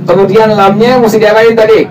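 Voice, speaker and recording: A man's voice: high-pitched, level tone, brisk, dull audio, noisy background. A male religious teacher leading a study group through prayer practice, repeating each point and quizzing his listeners. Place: evening religious study gathering. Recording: distant mic with a group audible.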